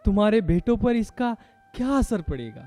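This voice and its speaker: A man's voice: sits high, very animated, normal speed, mellow, soft background music. A man playing a stern but caring elderly grandfather in a school stage play, lecturing his quarrelling grandsons. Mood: scolding. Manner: reproachful, lecturing.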